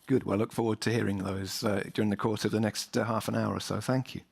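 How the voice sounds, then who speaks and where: Low, creaky-voiced male moderator. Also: steady tone, fast. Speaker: panel moderator. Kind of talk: conference moderation.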